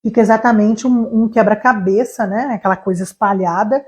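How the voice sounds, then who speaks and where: A Brazilian woman teaching English online, fast, animated and emphatic, speaking straight to her viewers. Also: mid-range voice. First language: Portuguese.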